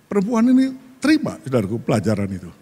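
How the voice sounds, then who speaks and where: A pastor preaching a sermon with lively, swinging emphasis, often turning to address his listeners directly. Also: medium pitch, fast talker, breathy edge. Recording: long hall reverb.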